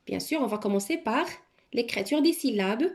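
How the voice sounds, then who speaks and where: A woman's voice: on the high side, lively intonation, moderate pace. A woman teacher giving a dictation lesson to children, articulating each word carefully and repeating it twice. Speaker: primary school teacher. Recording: roomy echo.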